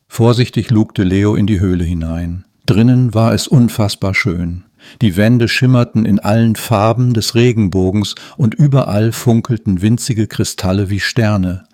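A man reading a children's story aloud in a calm, measured way. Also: fairly low pitch, dry recording, clean studio sound.

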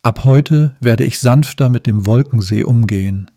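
A man's voice: medium pitch, moderate pace, warm tone, no room sound, studio quality, lightly acted. A man voicing a moody, mighty male storm spirit with a grumbling, thundering manner. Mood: softened.

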